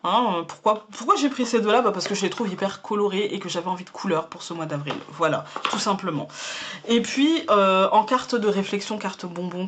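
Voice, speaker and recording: A woman in an easygoing tarot reading, talking to her viewers at an ordinary, mid-range pitch. She pauses often, repeats words and fills the gaps with little hums, and she keeps a chatty, reassuring tone. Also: fairly bright tone. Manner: hesitant, many fillers and repeated words. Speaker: tarot card reader. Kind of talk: casual monthly tarot reading to camera.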